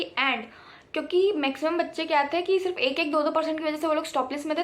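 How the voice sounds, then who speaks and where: A young woman vlogger telling a casual storytime, animated, acting out the people she quotes and laughing at her own story. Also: high voice. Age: young adult.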